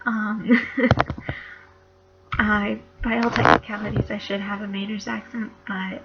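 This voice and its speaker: Young woman, slight Northeastern US accent, gravelly and hesitant, casual home recording on a dull lo-fi computer mic. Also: medium pitch, little pitch movement, unhurried, very noisy. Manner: hesitant, with many fillers. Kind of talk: casual home audio post and storybook reading.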